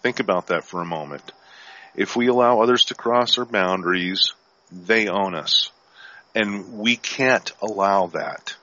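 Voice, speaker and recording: A man talking calmly and firmly as an instructor in a live-streamed talk, sometimes acting out sample dialogue. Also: lowish voice, a little slow. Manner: calm, firm, acts out sample dialogue. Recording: dull lo-fi stream audio.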